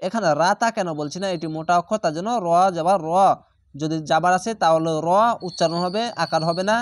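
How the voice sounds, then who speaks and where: A Quran reading teacher giving an online lesson, patiently spelling Arabic words letter by letter and then reciting them slowly and drawn out. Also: mid-range voice, no echo, studio quality. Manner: patient, repetitive instruction to viewers.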